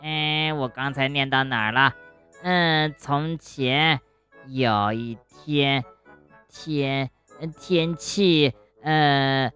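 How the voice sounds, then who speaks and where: A woman's voice: mid-range voice, animated, normal speed, fairly bright tone, soft background music, lightly acted. A woman voicing a cross, tearful young male animal in a children's bedtime story, sulky and whiny. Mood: sighing, halting. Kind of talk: storybook voice acting.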